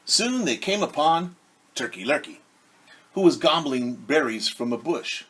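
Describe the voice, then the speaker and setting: A man reading a children's story aloud as a teacher, expressive, with casual asides that explain things simply. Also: a little high, a little slow, slightly rough.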